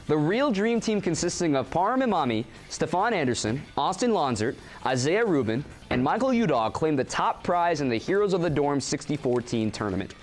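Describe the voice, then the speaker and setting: A man's voice: on the high side, fairly quick, few pauses. A young man co-anchoring a student sports show, reading scripted stories and trading playful banter. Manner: lively, animated delivery with playful ribbing.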